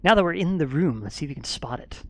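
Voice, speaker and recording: A man organizing a roleplay project, giving casual, earnest thanks and walking players through changes, pausing with frequent fillers. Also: a little high, animated. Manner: halting, many fillers, earnest. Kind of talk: casual wrap-up talk.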